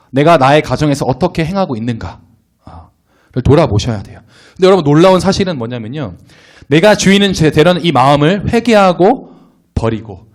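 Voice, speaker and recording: Lively young male youth pastor preaching. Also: medium pitch. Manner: animated, acts out family quarrels in quoted voices. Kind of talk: youth sermon.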